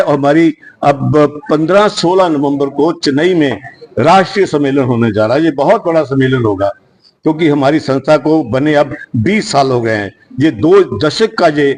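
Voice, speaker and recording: Earnest higher-pitched man. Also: moderate pace, darkish tone, low-quality recording. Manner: earnest, rambling with restarts. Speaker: security industry association leader. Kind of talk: unscripted media statement.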